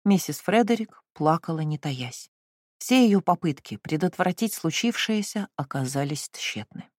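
Measured audiobook narrator, dry sound. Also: mid-range voice, no echo. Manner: even, measured reading, including translator's notes. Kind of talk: scripted narration.

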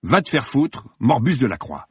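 A man's voice: mid-range voice, sing-song, moderate pace, husky, no echo, clean studio sound, pitched above the performer's own voice. A man reading the part of a nervous young woman, a film fan, who speaks hesitantly with stammers. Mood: tense hesitant. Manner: hesitant, stammering, then defiant.

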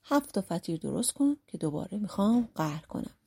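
A poor bald young man from a folk tale, blunt and stubborn, as a woman narrator acts him out. His husky, mellow voice carries plain defiance, and the storybook telling stays simple. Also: medium pitch, big pitch swings, exaggerated voice.

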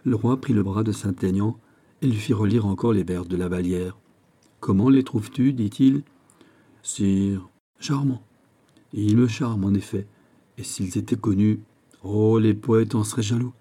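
A man reading a classic novel aloud as an audiobook narrator, shading the dialogue with small shifts of pitch and level but no full character voices. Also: steady tone, normal speed, mellow.

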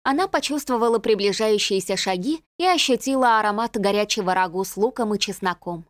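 A woman narrating an audiobook in a measured, even reading. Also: mid-range voice, dry recording, clean studio sound. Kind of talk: scripted narration.

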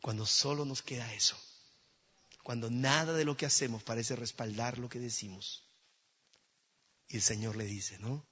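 A man preaching a sermon in a church, telling a story dramatically and swinging between loud exclamations and hushed near-whispers. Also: mid-range voice, fairly even intonation, moderate pace, pauses often, breathy edge, lo-fi sound.

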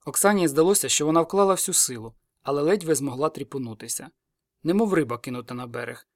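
A man reading a dark folk tale aloud as an audiobook narrator, with a steady, brisk storytelling delivery. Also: fairly high pitch, no echo, clean studio sound.

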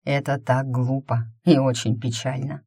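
A woman voicing a middle-aged male burgomaster who speaks calmly and reproachfully to his captive. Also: extremely low pitch, unhurried, breathy edge, no echo, studio quality, heavily acted. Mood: coaxing. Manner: calm, coaxing, reproachful.

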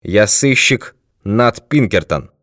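Brief: male narrator as a steady detective, firm and commanding, lower than the other figures, dry close sound. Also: takes it slowly, dry recording. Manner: firm and authoritative.

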